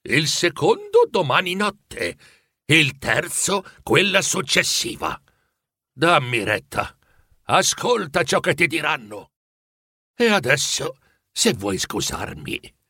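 A man's voice: big pitch swings, takes it slowly, vocal fry, bright, forceful tone, husky, dry recording, clean studio sound, heavily acted. A man voicing the ghost of a dead old businessman, chained and remorseful, speaking in a mournful, pleading way for a storybook reading. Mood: solemn. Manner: mournful, pleading, rising in pitch.

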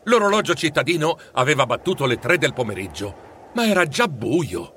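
Expressive man reading a storybook. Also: fairly high pitch, moderate pace, a little hiss or hum. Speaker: narrator. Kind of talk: storybook narration.

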